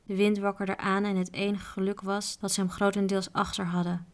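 A woman reading a children's book aloud as a storyteller, in a calm, even way. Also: mid-range voice, fairly quick.

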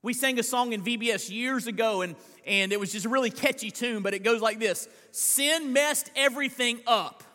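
A man's voice: high-pitched, fairly quick, few pauses, sharp tone. A man preaching a live Sunday sermon as senior pastor, explaining scripture earnestly and asking the congregation pointed questions. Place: church sanctuary. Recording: long church reverb.

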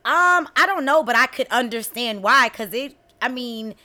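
A middle-aged woman telling a story in casual chat, frank and animated, acting out what people said. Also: fairly high pitch, moderate pace. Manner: animated storyteller, frank and blunt, acts out quotes.

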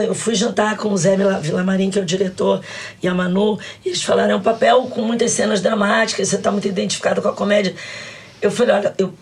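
A Brazilian woman in her sixties, an actress telling stories in an interview, crying and laughing as she talks. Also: mid-range voice. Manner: expressive, storytelling, laughs while talking. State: tearful, crying while speaking. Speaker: actress and guest. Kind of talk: emotional interview talk.

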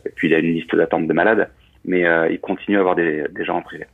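A man, a coach and former pilot, explaining his training in a relaxed, casual interview with many restarts. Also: low voice, quick pace. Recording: husky voice over a narrow phone-like line.

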